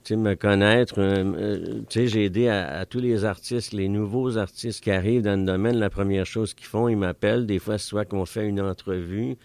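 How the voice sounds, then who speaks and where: An older Franco-Ontarian man from Ontario, Canada, speaks French with a Franco-Ontarian accent as a guest in a radio studio, giving casual interview answers that ramble with lots of fillers. His voice is fairly low and darkish, with a steady tone, moderate pace and few pauses. The studio mic picks up no echo.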